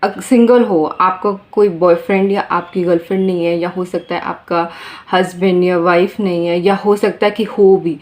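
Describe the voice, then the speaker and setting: A woman speaks straight to her viewers as she reads tarot cards, at a middling pitch. She talks earnestly and often circles back to repeat her phrases. It sounds like casual, unscripted talk to a camera. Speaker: tarot reader. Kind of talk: casual spoken tarot reading.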